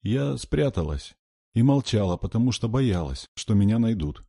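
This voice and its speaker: A male reader voicing a frightened little girl who squeaks and sniffles. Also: sing-song, moderate pace, dark tone, no echo, studio quality.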